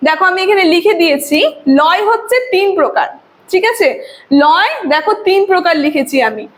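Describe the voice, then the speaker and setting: A woman teacher with a very high voice leads an online class. She explains each point step by step and dictates definitions for students to copy down. She checks in often with a quick "okay?". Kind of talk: online lecture.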